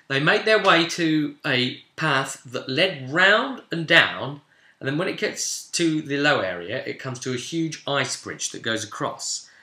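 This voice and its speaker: A British man recaps a tabletop role-playing session he ran as game master, telling the story informally and explaining things with frequent asides. His mid-range voice sounds pushed and bright, and the room is echoey.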